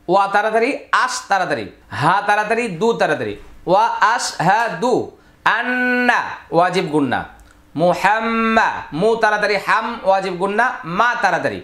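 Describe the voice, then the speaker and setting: A man teaching Quran reading, spelling out syllables slowly and then chanting the words in long, drawn-out recitation. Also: high-pitched, a bit bright. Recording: roomy echo.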